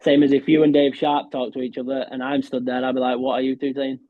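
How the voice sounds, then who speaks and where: Speaking quickly at a medium pitch and level tone, this professional darts player from Yorkshire talks modestly in a casual podcast interview. He keeps restarting his sentences and uses "were" where "was" would go, all over a dry, tinny, phone-like connection.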